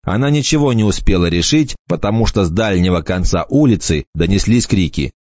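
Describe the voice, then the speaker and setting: Man, audiobook narrator, low voice, measured storytelling, muffled recording. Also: animated, a little mellow, no room sound. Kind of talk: scripted first-person narration. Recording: dull dry studio recording.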